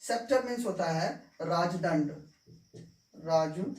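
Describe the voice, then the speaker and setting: A woman's voice: lowish voice, a little slow, a little mellow. A woman teaching an English lesson, repeating each point and checking that her students follow. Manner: repeats points, asks "clear?" often. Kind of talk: classroom-style lesson. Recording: echoey room, mic far off.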